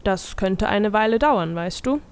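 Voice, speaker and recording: A woman's voice: mid-range voice, expressive, a little slow, smooth. Woman reading a proud old creature gardener. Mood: proud fussy.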